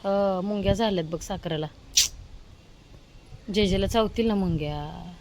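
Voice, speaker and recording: A woman's voice: mid-range voice, unhurried, darkish tone, a little hiss or hum. A woman in her thirties from Maharashtra, chatting casually on a family vlog and coaxing a toddler with questions, recorded on a handheld phone. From Maharashtra, India. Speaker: family vlogger and mother.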